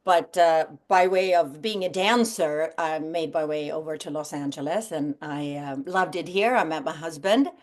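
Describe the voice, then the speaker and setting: A middle-aged woman from Sweden, a podcast guest in casual chat, friendly and quick to laugh, with many fillers. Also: low voice, a little mellow.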